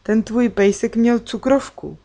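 A woman's voice: a little high, dark tone. Woman reading an anxious, reproachful mother. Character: anxious, upset mother, middle-aged woman.

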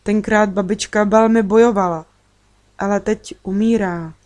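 Woman doing a calm kind girl, gentle and matter-of-fact, storybook voice. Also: mid-range voice, lightly acted. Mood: explaining gently. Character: calm, caring girl friend with a secret gadget.

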